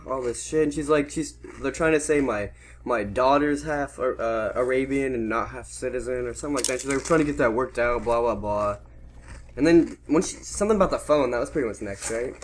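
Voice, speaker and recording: A man's voice: medium pitch, brisk, a little hiss or hum. A young man in his late teens chiming in on a shared story, swearing and laughing as he adds his side. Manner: profane, laughing interjections. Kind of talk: casual chat.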